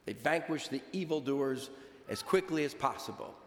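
A man speaking as a priest, reading scripture and preaching with a measured, deliberate church delivery in an echoing, cathedral-like church. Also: mid-range voice, expressive. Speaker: priest giving a homily. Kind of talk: liturgical gospel reading and sermon. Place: large reverberant church. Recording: echoey cathedral-like church, long reverb.

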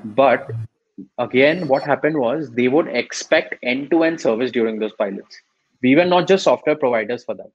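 A man's voice: mid-range voice, normal speed, dry recording, dull audio. A man with an Indian accent telling stories conversationally as a startup founder in an interview.

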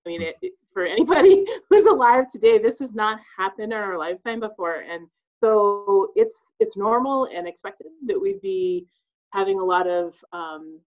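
A woman's voice: medium pitch, lively intonation, moderate pace, darkish tone, dull audio. A woman, a school social worker, speaking as a guest on a podcast and explaining her work earnestly, with some fillers. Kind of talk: casual podcast interview.

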